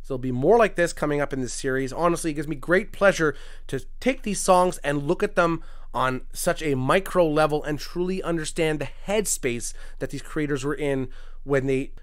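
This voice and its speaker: A man hosting a comedy podcast, reciting rap lyrics word for word in a mock-serious deadpan and stopping to comment dryly on them. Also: a little high, moderate pace. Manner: mock-serious, dry commentary between lively recited lines. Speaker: podcast host.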